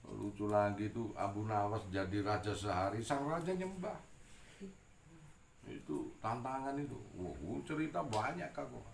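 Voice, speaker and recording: Gravelly preacher telling a story. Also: male voice, on the low side, normal speed. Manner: animated and joking, mixing in local slang. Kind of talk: humorous sermon storytelling. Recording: echoey room with faint noise.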